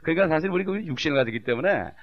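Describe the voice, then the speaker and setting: A man's voice: on the high side, lively intonation, racing, muffled recording. A middle-aged man, a pastor, preaching a sermon in a conversational way and often asking the congregation whether they agree.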